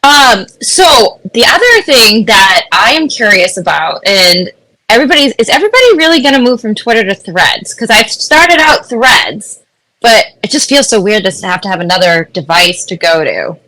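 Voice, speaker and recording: Brief: woman podcast co-host, teasing, lively pitch, bright tone. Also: moderate pace, low-quality recording. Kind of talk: casual chat.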